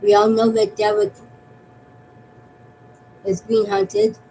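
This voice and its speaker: A woman's voice: mid-range voice, big pitch swings, slow pace, creaky, dark tone, a little hiss or hum, rough recording. A woman from Massachusetts chatting casually about her fan theories, rambling and restarting her phrases as she goes. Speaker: fan vlogger.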